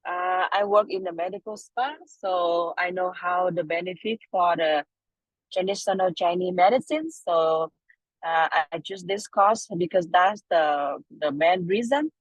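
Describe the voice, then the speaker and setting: A woman's voice: on the low side, no echo. Student calling in on car speakerphone; woman, hesitant delivery, muffled dry audio. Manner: halting, hesitant phrasing. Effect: over a car speakerphone while driving. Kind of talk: class self-introduction. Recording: dull lo-fi car call audio.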